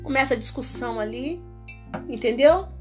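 Animated woman preaching over soft music. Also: high voice, moderate pace. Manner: lively, animated, acts out dialogue. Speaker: evangelical preacher. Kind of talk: casual religious talk.

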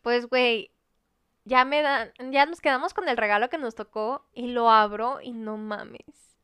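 Young Mexican woman, podcast co-host, crisp voice a touch high, slangy storyteller. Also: measured pace, no room sound. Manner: animated storyteller, peppers speech with slang and swearing. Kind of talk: casual chat.

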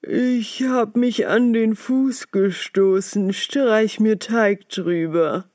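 A woman voicing a sly, deceitful male wolf who talks slowly in a wheedling tone. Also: mid-range voice, mellow, no room sound, studio quality. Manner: slow, drawn-out, wheedling. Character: sly big bad male wolf, disguising himself.

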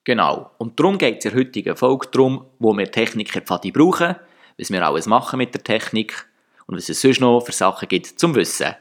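A man's voice: lowish voice, sing-song, brisk. A man with a Swiss German accent hosting a podcast in a conversational moderating style. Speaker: podcast host. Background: music.

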